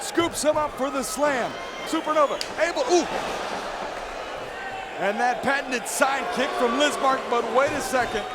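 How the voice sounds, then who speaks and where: A man giving excited lucha libre announcer commentary, calling the play-by-play emphatically. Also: very high-pitched, normal speed, over a noisy crowd, very noisy. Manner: emphatic, shouted calls. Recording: loud music behind. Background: loud music.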